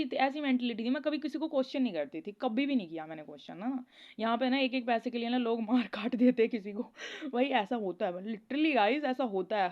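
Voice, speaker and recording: A woman talking casually in a spiritual advice vlog, rambling and chatty, often laughing as she tells stories. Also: on the high side. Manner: rambling, chatty, keeps asking "okay?". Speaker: spiritual content creator. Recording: dull lo-fi recording.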